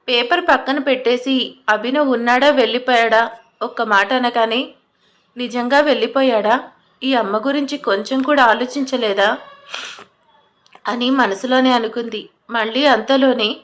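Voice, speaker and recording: A woman narrating a scripted audio love story, steady and expressive. Her voice sits slightly high. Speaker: voice-over narrator.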